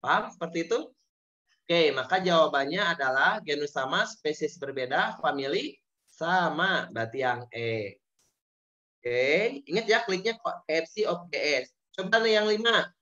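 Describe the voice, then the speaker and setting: A man's voice: on the high side, expressive, unhurried, pushed and bright. A male teacher leads an online science lesson. He drills the key terms again and again and keeps asking his students questions. The audio is dull and lo-fi, like a video call. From Indonesia.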